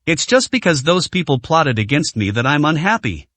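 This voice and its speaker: A man voicing a cold, commanding young male boss who speaks calmly and bluntly. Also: on the high side, normal speed, no echo. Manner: calm and blunt.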